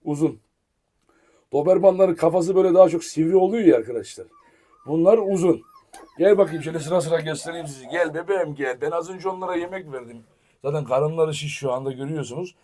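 A man running a dog farm talks casually to his viewers and coaxes his dogs in a lively way. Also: a little high, quick pace, no room sound. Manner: lively, switches between chatting to viewers and coaxing dogs. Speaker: dog farm owner and vlogger.

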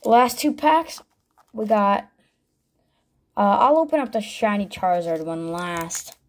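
Speaking slowly in a medium pitch, this woman vlogger opens packs of trading cards. Her commentary is casual: she calls out every card by name in quick bursts, then muses aloud before the next.

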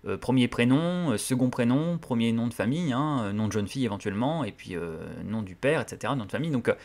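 A man talks about novels in a casual, explanatory way. He hesitates often and strings his thoughts together loosely, at a medium pitch. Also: darkish tone. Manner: halting, full of hesitations. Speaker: literature channel host.

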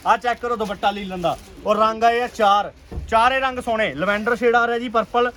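A man with a Punjabi accent giving an urgent, repetitive, enthusiastic sales pitch as a shop seller on an online video. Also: fairly even intonation, a little fast, bright, forceful tone. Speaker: clothing shop seller presenting stock. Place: busy clothing shop.

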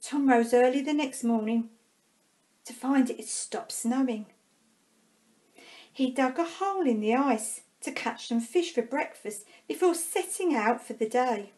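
Here a woman on a primary school's staff reads a storybook to young children in a high voice. Her pacing is slow and expressive, with stretched-out key words and dramatic gaps between phrases.

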